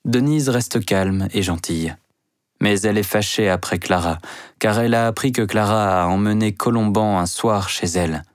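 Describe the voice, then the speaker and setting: A man reading a simplified novel aloud in slow, deliberate narration. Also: on the low side, no echo, studio quality.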